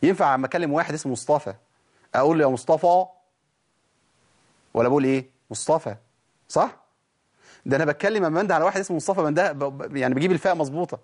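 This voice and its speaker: A man with an Egyptian Arabic accent teaching Quran recitation rules, animated and demonstrating sounds again and again. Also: fairly high pitch, rapid-fire, pauses often. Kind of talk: tajweed lesson.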